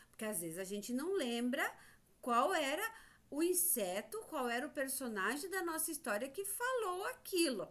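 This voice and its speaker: Lively, slow-talking Brazilian woman teacher. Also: fairly high pitch. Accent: Brazilian Portuguese. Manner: slow, sing-song prompting of children. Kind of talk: remote class lesson.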